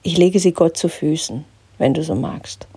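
Calm woman guiding a spiritual exercise. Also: deep voice, moderate pace, breathy edge, no echo. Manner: calm, gently instructive, drops into soft whispers. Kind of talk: guided spiritual lesson.

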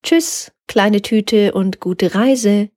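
A woman voicing a kind, clever young girl who explains things gently in a storybook tale. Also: mid-range voice, extremely slow. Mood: tender.

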